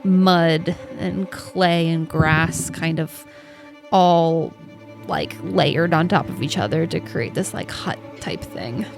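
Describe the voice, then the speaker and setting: A woman game master improvising scene descriptions for a tabletop game in a hesitant, halting way. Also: deep voice, vocal fry. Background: music.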